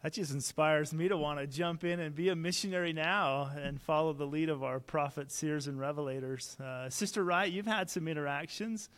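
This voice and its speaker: A man's voice: a little high, normal speed, hardly any pauses, fairly bright tone. Man reading out panel questions. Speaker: podcast co-host asking questions.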